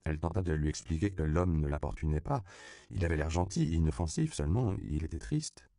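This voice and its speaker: Deep, gravelly man narrating a novel. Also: expressive, dark tone, dry recording. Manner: measured, storytelling. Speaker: audiobook narrator. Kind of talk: scripted narration.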